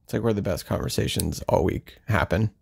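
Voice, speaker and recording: A man's voice: low voice, brisk, creaky, husky. A man hosting a podcast in a casual, joking, chatty way. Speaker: podcast host. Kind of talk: casual chat.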